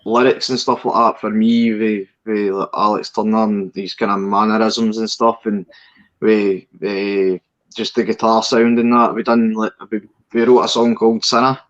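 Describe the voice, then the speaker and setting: A Scottish musician joins a podcast as a guest and talks in an easygoing, casual way. The recording sounds a bit dull and lo-fi. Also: male voice, on the low side, level tone, moderate pace. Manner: easygoing, brief agreeing replies. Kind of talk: casual chat.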